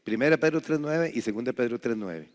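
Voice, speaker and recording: A male pastor from Costa Rica preaching a sermon, swinging from loud, high emphasis down to quiet, low asides. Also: animated, a little fast, in a large hall.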